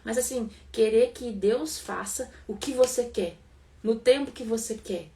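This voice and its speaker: A woman's voice: fairly high pitch, a little slow, mellow, far from the mic. A Brazilian woman giving an informal devotional teaching in an earnest, conversational way, often repeating phrases for emphasis. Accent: Brazilian Portuguese.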